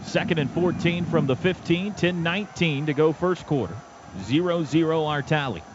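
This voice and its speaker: Slightly high-voiced and speaking at a normal pace, an American play-by-play man calls live football for radio in quick, clipped present-tense phrases. The audio comes from a stadium radio booth, dull and noisy, with outdoor stadium sound clearly audible.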